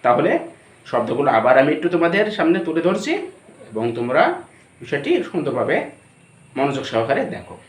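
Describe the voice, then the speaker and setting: A man's voice: mid-range voice, big pitch swings, a little fast, pauses often. Distant, echoey Bangladeshi male teacher. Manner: repetitive, drilling each letter, asks questions to students. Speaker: English teacher. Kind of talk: classroom-style lesson addressed to students. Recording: roomy echo, distant from the mic, faint ambience.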